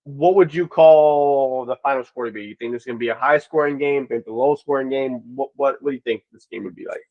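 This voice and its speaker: A man co-hosting a casual sports podcast, retelling plays with animated quoted voices. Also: mid-range voice, a little fast, dry recording. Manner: animated storyteller, acts out quotes. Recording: dull, dry lo-fi mic.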